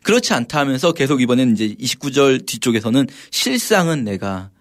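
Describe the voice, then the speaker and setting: A man's voice: mid-range voice, fast. A man teaching the Bible on a radio program in a conversational way, retelling passages with feeling and frequent casual fillers. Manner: explains animatedly, acting out quoted lines with feeling; frequent filler "막", informal storytelling.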